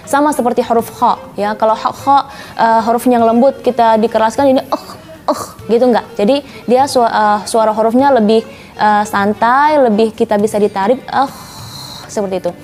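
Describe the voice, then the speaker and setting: A woman's voice: fairly high pitch, fairly even intonation, brisk, a little mellow, faint music behind. Patient woman teaching letter sounds. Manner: patient, repeats syllables for the viewer to copy. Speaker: Quran recitation teacher. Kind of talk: spoken tutorial lesson.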